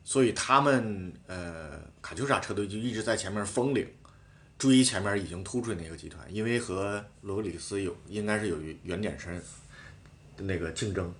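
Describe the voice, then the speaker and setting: A man casually telling a story from a bike race in a podcast chat, animated and swearing now and then. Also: on the low side, normal speed. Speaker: professional cyclist guest.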